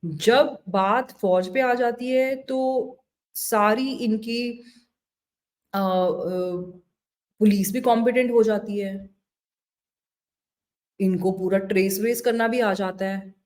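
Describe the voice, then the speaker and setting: A woman's voice: medium pitch, fairly even intonation, slow, long pauses, a little mellow. A woman giving indignant political commentary, switching between Hindi and English phrases. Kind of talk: opinion commentary to camera.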